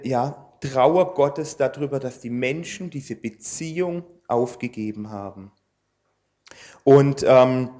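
A man delivers a sermon in an everyday, conversational manner at a medium pitch. He talks informally and often hesitates, dropping in fillers and tag questions as he works through his slides. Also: a little mellow. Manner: speaks to an audience using slides. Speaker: preacher.

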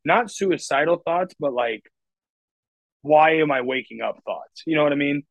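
This podcast guest, a man in his twenties, has a slightly high, animated and creaky voice at normal speed. He talks candidly and rambles in casual conversation, filling his sentences with "like," captured in dry, dull lo-fi audio with no room sound.

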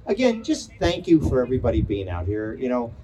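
A man's voice: mid-range voice, huge pitch swings, fairly quick, dark tone, a little hiss or hum, low-quality recording. An older man giving an earnest, emphatic speech at an outdoor Pride event, rousing the listeners. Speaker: speaker at a Pride rally. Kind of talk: impassioned outdoor rally speech.

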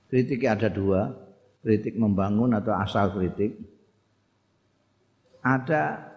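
A man's voice: on the low side, a little mellow. A man with a Javanese accent giving a conversational sermon, chanting Arabic phrases and then explaining them plainly. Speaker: religious teacher. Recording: long hall reverb.

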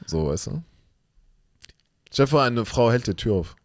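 A young man co-hosting a podcast in a relaxed, rambling way, mixing English slang into his German. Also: medium pitch, unhurried, noisy background. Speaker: podcast co-host. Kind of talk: casual chat.

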